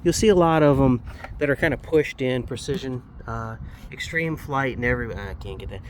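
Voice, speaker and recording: A man's voice: medium pitch, moderate pace. Man with a sore jaw, noisy recording. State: sore, slightly swollen jaw after surgery, talking a little oddly. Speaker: RC hobby channel host reviewing a model plane. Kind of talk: casual hands-on product review.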